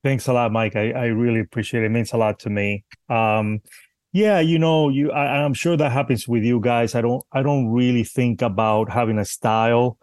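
Podcast guest, male, mid-pitched, halting and friendly-paced, dry mic. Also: fairly even intonation, a little mellow, dry recording. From Cuba, raised in Spain. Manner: hesitant, many restarts, laughs easily. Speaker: guest bonsai artist. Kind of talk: casual interview chat.

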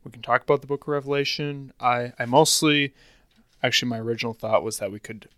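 A man's voice: mid-range voice, fairly even intonation, fast talker, fairly bright tone, dry recording. A man in casual podcast chat, talking in a wry, rambling way and laughing often. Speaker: podcast co-host.

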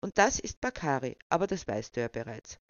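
A storyteller voicing a calm, friendly young woman with a dog, who speaks gently and encouragingly, on a dull, dry recording. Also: a bass voice, a little fast, no room sound. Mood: gentle.

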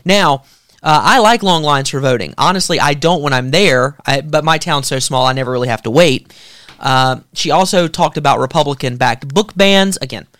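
A man hosting a talk show, giving casual, joking political commentary in an animated way. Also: on the high side, clean tone, no echo, studio quality. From American South. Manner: animated, joking, quick to mock.

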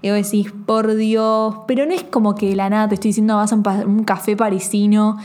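Young woman, Rioplatense accent, mellow voice, chatty travel vlogger who gushes and repeats herself. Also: mid-range voice, steady tone, brisk. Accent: Rioplatense Spanish. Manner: chatty, gushing, repeats phrases. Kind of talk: casual travel recommendations.

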